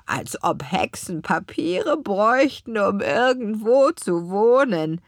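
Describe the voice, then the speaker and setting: A woman voicing a kindly, forgetful old grandmother witch in an audiobook, with a raspy, croaking voice and a drawn-out, high, cracked delivery. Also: very animated, no room sound, clean studio sound. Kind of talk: audiobook character voice.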